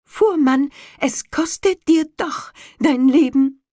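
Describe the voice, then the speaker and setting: A woman voicing a vengeful little male sparrow that taunts slowly in a high voice. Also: dark tone, no room sound, clean studio sound. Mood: menacing. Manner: high, slow, mocking.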